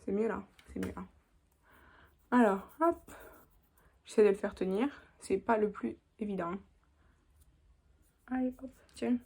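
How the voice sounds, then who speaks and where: A woman's voice: medium pitch, unhurried, gravelly, long pauses, dark tone, slightly rough. Chatty young woman doing makeup. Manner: chatty, talks while working, lots of little "hop"s. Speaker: beauty vlogger. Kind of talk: casual makeup tutorial.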